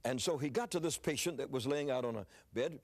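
A man's voice: medium pitch, fairly quick. An older man preaching, telling a story in a sermon, often repeating words as he starts a phrase.

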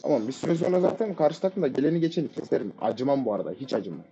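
A man commenting live on his own match, his voice leaping up and down as he yells at teammates in sudden excited bursts. His tone is dark and mellow. The mic sounds dull and lo-fi, with faint music underneath. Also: medium pitch, racing. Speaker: gamer playing a ranked match.

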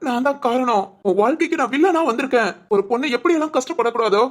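A woman voicing a remorseful young man who apologizes softly and pleads. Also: high-pitched, animated, fast.

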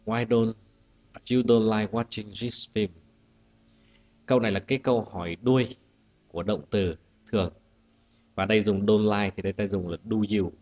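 A male teacher walking students through an exam-prep lesson, patient and methodical, saying each example word twice before explaining it. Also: deep voice. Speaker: English teacher.

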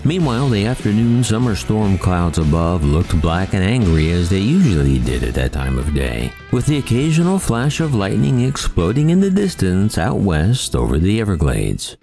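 A man's voice: creaky, mellow. A middle-aged man narrating a wry, vivid first-person story of his first flying lesson. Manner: wry, vivid storytelling with big swings in pitch.

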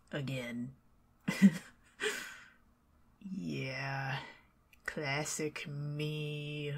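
Speaking with a husky, low voice, a Southern American woman acts out an ASMR scene as the chatty young neighbor next door. She teases and talks straight to the listener, now and then drifting down into gentle whispers.

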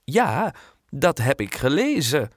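A man's voice: a little high, sing-song, slow pace, no echo, studio quality, pitched above the performer's own voice, heavily acted. A man doing a friendly old carpenter. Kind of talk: audiobook character voice.

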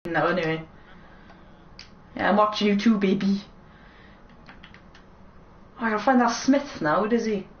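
A woman's voice: medium pitch, moderate pace, long pauses, roomy sound, muffled recording. A woman chatting casually while streaming a video game, swearing and giggling often. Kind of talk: casual live-stream gameplay chat.

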